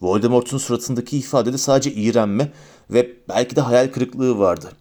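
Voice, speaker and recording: A man narrating a fantasy novel as an audiobook, with a steady, expressive reading. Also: mid-range voice, normal speed.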